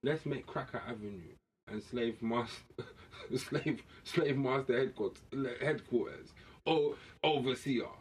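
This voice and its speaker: A podcast host of West Indian heritage argues bluntly in a casual, heated discussion, outspoken and full of slang. His medium-pitched voice is unhurried, with a breathy edge.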